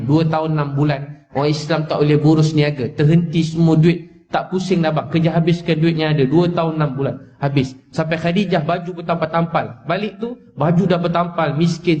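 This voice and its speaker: A man with a Malaysian Malay accent preaching a sermon, telling stories with passion, repeating his phrases and rising in pitch at emotional moments. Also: darkish tone. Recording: echoey dull lecture-hall recording.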